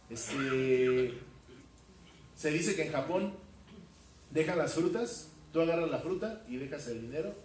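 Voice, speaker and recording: A pastor giving a verse-by-verse sermon, asking his congregation questions and filling pauses with hesitations. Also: on the high side, slight background noise. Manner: questions the congregation, many fillers. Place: church hall. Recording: roomy hall from far off.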